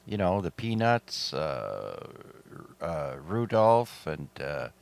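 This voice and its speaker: A middle-aged man from Canada hosts an amateur radio net with a low, unhurried voice. He talks casually, with plenty of fillers. His throat sounds a little sore. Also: creaky. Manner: relaxed, chatty, many fillers. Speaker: net control host.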